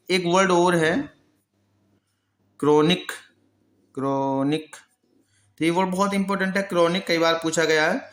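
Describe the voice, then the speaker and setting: A man teaching pronunciation with a slightly high voice. He asks his students a question, answers it himself, and says each word again slowly. The room around him is echoey. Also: fairly bright tone. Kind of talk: Hindi-language vocabulary lesson.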